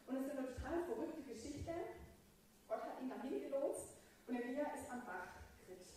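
A woman preaches a sermon in an earnest, conversational way and drops in casual words. Her voice sits fairly high and rings around a very echoey church hall. She sounds distant from the mic, with faint noise behind her. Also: expressive, moderate pace, mellow.

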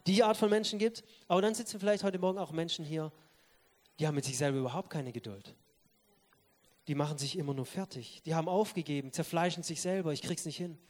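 A man preaching a sermon, speaking straight to his listeners and swinging between loud stressed words and soft, quiet asides. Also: a little high, fast talker. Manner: emphatic, addresses listeners directly.

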